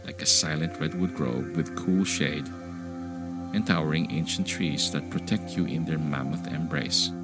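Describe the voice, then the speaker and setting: Meditation guide, male: very low, gravelly voice, soothing sleep-story delivery, unhurried. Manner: unhurried, calming, gentle instruction. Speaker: meditation podcast host and guide. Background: music behind the voice.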